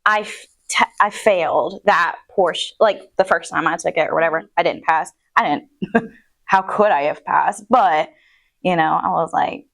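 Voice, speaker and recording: A woman's voice: lowish voice, moderate pace, creaky, fairly bright tone. A young woman being interviewed about her chemistry job in a casual, chatty way, full of ums and likes. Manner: chatty, many ums and likes, laughs often. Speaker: interviewee, water quality chemist.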